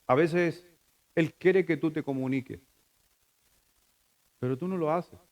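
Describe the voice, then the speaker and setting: A middle-aged Chilean man delivers a sermon from the pulpit, his voice pitched noticeably high for a man. He talks to the congregation as if chatting, tossing them rhetorical questions. Now and then he stumbles and restarts a phrase. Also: unhurried. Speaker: pastor.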